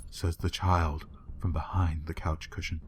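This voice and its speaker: Deep-voiced man narrating horror. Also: little pitch movement, measured pace, noisy background. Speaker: storyteller.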